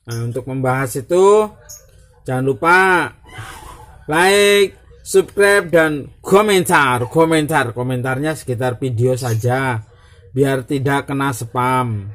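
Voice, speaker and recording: A man's voice: on the high side, a bit bright. A man with an Indonesian accent, vlogging casually and joking, mixing broken English into his talk. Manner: playful, switching into broken English, laughing at himself. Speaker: YouTuber.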